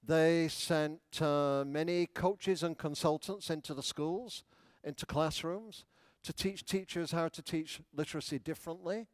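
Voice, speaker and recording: Measured high-voiced male keynote speaker. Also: dry recording. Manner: playful, leads audience in exercises; measured explanatory lecturing. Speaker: education speaker. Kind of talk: conference keynote talk. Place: large conference hall.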